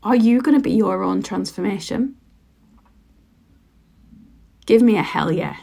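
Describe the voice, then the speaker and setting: A woman podcast host and coach with a hoarse, croaky voice, giving an emphatic motivational talk straight to the listener, repeating phrases for weight. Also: mid-range voice, animated, a little fast, warm tone. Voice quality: husky, croaky. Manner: emphatic, repetitive, direct address to listener. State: hoarse, sore voice.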